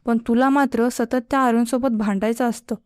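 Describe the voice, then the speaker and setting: A woman's voice: fairly high pitch, fairly even intonation, brisk, darkish tone, clean tone, no room sound, studio quality, natural voice. A woman voicing a stern middle-aged mother who scolds her daughter, in a spoken storybook. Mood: scolding.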